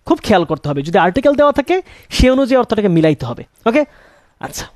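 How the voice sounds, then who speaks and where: A man's voice: high voice, big pitch swings, quick pace, dry recording, clean studio sound. A young man teaching English grammar, asking questions and answering them himself and repeating key words. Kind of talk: classroom-style grammar lesson.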